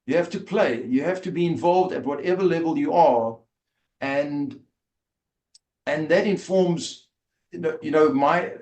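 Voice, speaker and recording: A man in his fifties with a South African accent, a rabbi telling his life story earnestly as an interview guest. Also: on the high side. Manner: earnest, with frequent fillers and restarts. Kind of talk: conversational storytelling. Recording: roomy echo.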